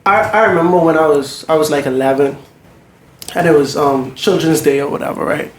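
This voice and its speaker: A man's voice: a little high, a little fast. A man chatting casually and slangily about personal experience, often checking that the listener follows. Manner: slangy, peppered with "bro" and check-in phrases. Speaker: podcast speaker, music entertainer. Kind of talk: casual faith discussion with personal stories. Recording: roomy echo, faint background noise.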